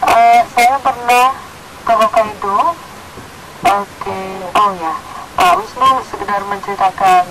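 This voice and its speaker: A woman's voice: mid-range voice, expressive, slow pace, long pauses. Woman hosting a very noisy radio call-in. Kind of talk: live hosting, reading listener messages.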